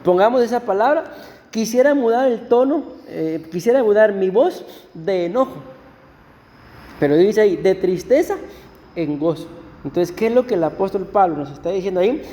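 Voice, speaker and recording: A male pastor giving a conversational sermon to his congregation, often slowing down to read verses aloud. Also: sits high, lively intonation, mellow, big-room sound. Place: church.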